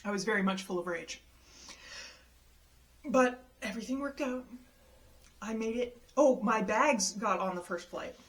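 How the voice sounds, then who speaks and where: A woman casually telling a personal story, lively and exasperated, mimicking the people she quotes with big leaps in her voice. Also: unhurried, long pauses. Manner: animated, acts out quoted people with jumps in pitch; exasperated retelling of a travel mishap.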